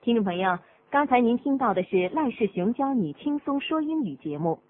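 A woman's voice: fairly high pitch, animated, normal speed. A woman reading a formal radio announcement. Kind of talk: scripted announcement. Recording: tinny lo-fi radio broadcast.

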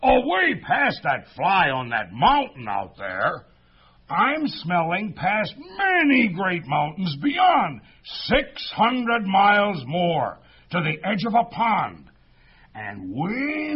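A man doing a raspy bragging bear. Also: high voice, highs cut off, pitched above the performer's own voice, exaggerated voice. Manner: boastful, drawn-out. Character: big bragging male bear, pompous.

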